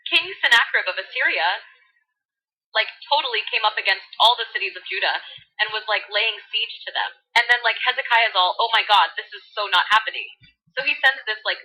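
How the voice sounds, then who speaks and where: A woman's voice: medium pitch, bright, forceful tone, breathy edge, poor audio. A woman with a Californian Valley Girl accent retells a story in gushing, sassy slang full of fillers. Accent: American, Californian Valley Girl.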